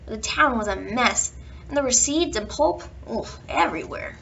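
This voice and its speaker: This bedtime story reader, a woman with a fairly high voice and vocal fry, reads a picture book to kids with expressive emphasis, stretched-out words and playful asides. The home recording is dull and distant from the mic, with some background noise.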